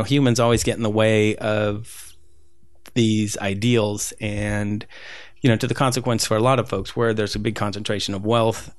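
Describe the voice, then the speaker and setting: In a casual interview, a street photographer who grew up in Southern California answers with plenty of fillers and restarts. His fairly low voice comes through in a dry, studio-quality recording.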